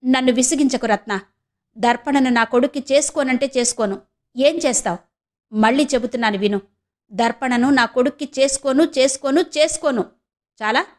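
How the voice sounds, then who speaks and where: A woman voicing a stern, proud middle-aged mother who scolds her son with sharp questions. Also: high voice, moderate pace, lightly acted. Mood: defiant.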